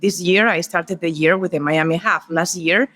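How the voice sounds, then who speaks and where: Brief: Spanish-accented woman, middle-aged, interview guest, warm storyteller who lists her points. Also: lowish voice, steady tone, normal speed. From Spain. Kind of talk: podcast interview.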